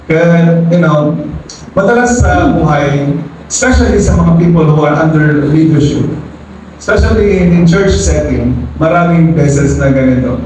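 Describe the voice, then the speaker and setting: A man's voice: fairly high pitch, measured pace, darkish tone, a little hiss or hum. A man preaching a sermon as pastor, dramatic and switching into English, who acts out quotes in a raised voice. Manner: mixes English into local speech. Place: church service. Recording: echoey hall, mic from far off.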